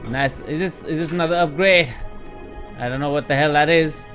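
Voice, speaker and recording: In a fairly bright voice on the high side, talking a little fast, a thirtysomething streamer narrates gameplay at home in a put-on Texas drawl. It's casual let's play commentary over game music, with free swearing, chatter to viewers and bursts of frustration.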